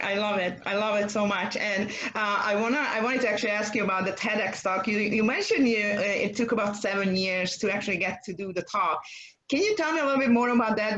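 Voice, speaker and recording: A woman's voice: mid-range voice, a bit bright, poor audio. A woman hosting a casual interview, speaking conversationally with hesitant, repeated phrases and non-native phrasing. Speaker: interview show host.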